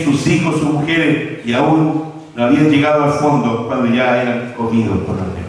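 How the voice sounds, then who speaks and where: Pastor preaching in an echoey hall. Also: male voice. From Chile. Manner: preaching with sweeping rises and drops in pitch. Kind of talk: sermon. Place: large church hall. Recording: echoey church hall, mic far off.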